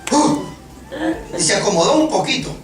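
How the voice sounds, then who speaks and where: Lively preacher, halting restarts and jokes, far from the mic in a roomy hall with music underneath. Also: medium pitch. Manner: animated, joking, halting restarts. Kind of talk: sermon. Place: church hall. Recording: echoey room from far off, music behind.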